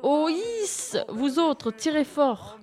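A woman's voice: a little high, a little fast, close to an everyday voice. A woman voicing a clever, bold young girl who gives orders with confidence. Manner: bright, commanding, triumphant.

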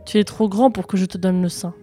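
Lady doing a worried storybook mom, tender, soft dark voice, bit of music behind. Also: mid-range voice, steady tone, brisk, close to an everyday voice. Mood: sorrowful. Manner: tender and fearful. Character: worried village mother, lone survivor.

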